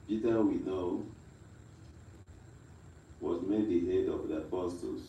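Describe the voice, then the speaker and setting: Deep priest with heavy cathedral echo. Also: male voice, warm tone, dull audio, slight background noise. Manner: slow, solemn delivery. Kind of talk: chanted liturgy, gospel reading and homily. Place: large reverberant church. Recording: cathedral echo from a distant mic.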